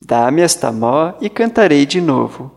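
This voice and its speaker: A man's voice: fairly high pitch, sing-song, a little slow, gravelly, a little mellow, big-room sound, heavily acted. A man chanting as an eerie magic songbird. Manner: sing-song chanting.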